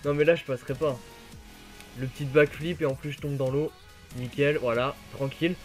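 A man giving jokey, excitable play-by-play of a racing game, his voice worn from being ill. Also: on the high side, moderate pace, soft background music. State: voice worn from illness. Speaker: gaming YouTuber.

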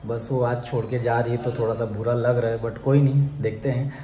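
A man vlogging casually on a phone camera around his office, hurrying people along excitedly. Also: mid-range voice. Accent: Mumbai Hindi. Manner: excited, hurried urging. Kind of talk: casual vlog chat. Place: office building and street, crowded. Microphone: handheld phone camera. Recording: busy crowd noise behind.

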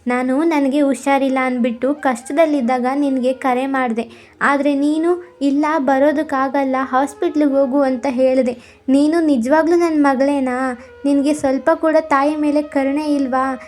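Cartoon stepmother, middle-aged, pleading and apologetic; woman performer, high voice. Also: fairly even intonation, moderate pace, darkish tone, natural voice. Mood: reproachful. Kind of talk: cartoon voice acting.

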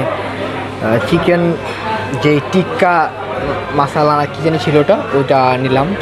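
A young Bangladeshi man, chatting casually as a food vlogger and listing dishes in a busy restaurant. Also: on the high side. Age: young adult. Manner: chatty, lists dishes, jokes with friends. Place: busy indoor buffet restaurant. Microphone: handheld camera. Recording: loud restaurant crowd behind.

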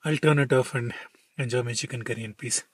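Sitting in a parked car in snowy, cold weather, a man in his thirties cooks and chats to a camera held close, in casual travel vlog narration. He talks quickly with fairly even intonation in a husky mid-range voice, and the recording is dry.

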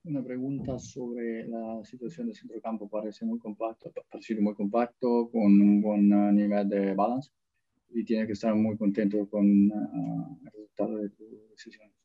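A man interpreting press-conference questions in quick, summarizing speech. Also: on the low side, little pitch movement, no echo, highs cut off.

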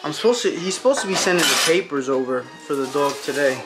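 Speaking quickly and expressively in a fairly high voice, this family vlogger in his thirties rambles and teases his way through a casual indoor chat in his kitchen and bedroom, cursing frequently. Music plays behind him, and the handheld camera at arm's length picks up noisy audio.

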